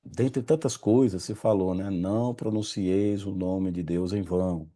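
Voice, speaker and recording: A man's voice: deep voice, fairly even intonation, unhurried, dark tone. A man leading an informal religious study group, often stopping to correct himself and admitting he struggles to pronounce Hebrew names. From Brazil.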